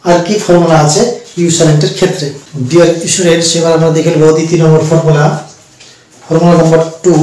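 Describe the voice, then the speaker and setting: A man teaching English pronunciation, speaking slowly and repeating words syllable by syllable as he explains. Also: fairly high pitch, darkish tone. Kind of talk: pronunciation lesson. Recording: echoey room, mic far off.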